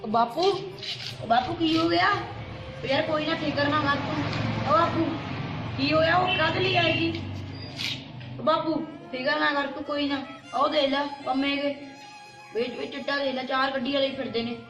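A man's voice: very high voice, steady tone, fairly quick, creaky, over music. A man playing a brash young student son who reassures his father. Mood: reassuring. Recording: echoey room.

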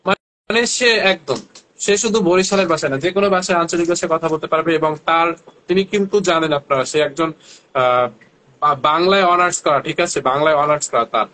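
A man's voice: a little high, fairly quick, bright, forceful tone, poor audio. A young man from Barishal, Bangladesh, casually hosting a live sales stream and chatting straight to viewers with many fillers. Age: young adult. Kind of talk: casual livestream selling.

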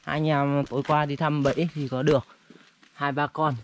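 A man with a fairly high voice hosts a casual outdoor vlog. He talks chattily, hesitating and doubling back on words. Faint outdoor noise sits behind him. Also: little pitch movement, normal speed. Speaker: vlogger, host. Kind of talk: casual outdoor vlog chat while walking. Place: outdoors in forest.

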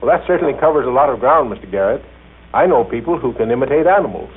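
A man's voice: medium pitch, expressive, fast, breathy edge. A man presenting a scripted radio broadcast, asking formal, polite questions. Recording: tinny 1939 radio broadcast recording.

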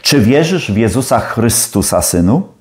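A man's voice: medium pitch, very animated, moderate pace, natural voice. A man playing a stern older professor who presses his questions in a challenging, probing way.

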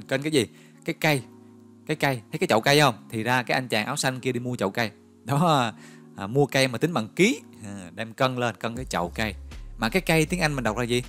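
A man teaches English vocabulary in a recorded lesson. He spins vivid memory stories in a lively, coaxing way, pitched at a middle range. Faint music plays underneath. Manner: lively, storytelling, coaxing with questions.

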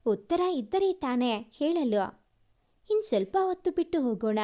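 A woman doing a brisk older sister. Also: high voice, sing-song, warm tone. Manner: brisk, a bit impatient.

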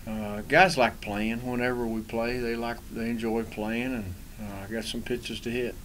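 A middle-aged man, a baseball coach, answering questions at a postgame press conference in a relaxed, rambling way with many fillers. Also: mid-range voice, moderate pace, a little hiss or hum. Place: small press room in front of a sponsor backdrop.

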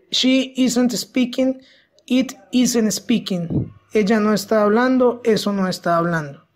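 An English teacher giving a methodical, step-by-step grammar lesson in Spanish, slowing down to pronounce each English example carefully. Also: mid-range voice.

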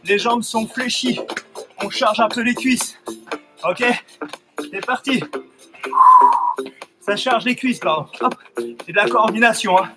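High-pitched man, energetic urging fitness coach. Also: slow pace, pauses often. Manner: energetic, urging coach giving short commands. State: exerting himself while talking. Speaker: fitness coach leading a workout. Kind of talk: live home cardio workout instruction. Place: outdoors in front of a house. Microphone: camera a few metres away. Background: workout music.

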